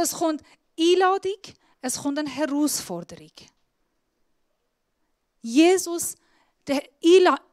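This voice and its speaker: A woman pastor preaching a sermon in a lively, emphatic way, with casual slang and slightly broken grammar. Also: high-pitched, dry recording.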